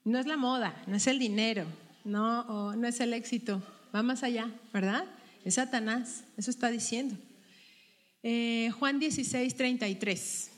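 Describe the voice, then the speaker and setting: A woman guides a Bible study. Her voice sits slightly high, and she keeps tossing questions back to the group. The room around her carries a long, lingering reverb. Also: fairly even intonation, moderate pace. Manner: asks the group questions and tags them with "¿verdad?".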